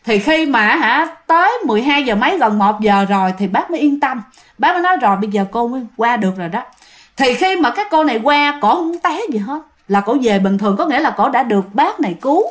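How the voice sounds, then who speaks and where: Woman, casual ghost-story teller, chatty with her listeners; fairly high voice. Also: lively intonation, brisk. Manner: chatty, addresses listeners directly.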